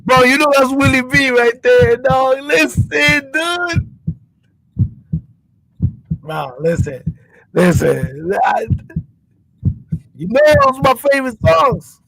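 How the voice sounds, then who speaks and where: A winded man hosting a livestream, his voice pitched strikingly high. He talks in a loose, excitable way and fires off slang shout-outs. The sound is dry and close, with no room echo. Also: takes it slowly, creaky, pauses often. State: out of breath. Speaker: livestream host. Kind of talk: casual livestream chat.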